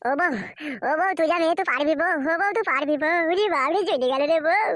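A woman's voice: very high voice, fast, a bit bright, dry recording, clean studio sound. A woman voicing a foolish, cowardly husband in a comic cartoon, pleading and wailing. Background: background music.

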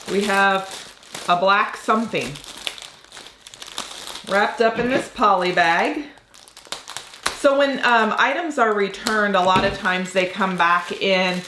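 A reseller vlogger in her forties chats and thinks out loud while unpacking items at a desk in her home office. Her mid-range voice sounds slightly nasal due to a cold, and the recording has a roomy quality with background noise.

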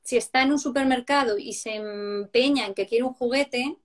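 Woman, parenting educator, slightly high voice, lively and explanatory in interview. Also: normal speed. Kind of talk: conversational interview answers.

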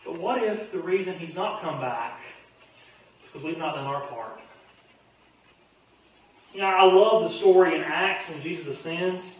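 A male pastor teaching a Bible class in a quick, conversational way, often restarting his sentences. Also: fairly high pitch. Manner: fast-talking, conversational, repeats his starts. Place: church sanctuary. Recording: very echoey room, voice from far off.

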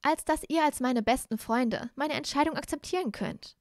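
A woman's voice: high voice, normal speed, no echo, clean studio sound, voice pushed up, natural voice. A woman doing a timid young witch, raised voice. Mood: earnest.

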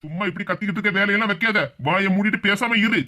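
A gruff cartoon father. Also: high-pitched, quick pace, bright, forceful tone. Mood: firm. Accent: Kanyakumari Tamil. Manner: gruff, firm. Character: blustering middle-aged father, hospitable to guests.

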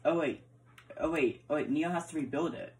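Recorded by a camera facing a TV screen inside a room, a woman chats loosely as she role-plays a block-building game, regularly stammering and saying words twice. Her low-pitched voice moves at a normal speed and sounds a little mellow, with slight background noise present.

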